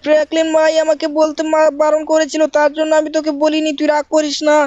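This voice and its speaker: A woman's voice: high-pitched, monotone, quick pace, a little mellow, dry recording, muffled recording, lightly acted. A woman voicing a grown male household servant in a fan-dubbed game video, meek and pleading. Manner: pleading, calls the boy brother.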